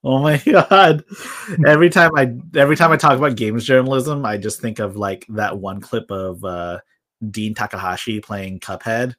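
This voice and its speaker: A man's voice: medium pitch, moderate pace, a bit bright. A man in his late twenties hosting a podcast, chatting in a jokey, self-mocking way. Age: late 20s. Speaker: podcast host. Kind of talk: casual podcast chat.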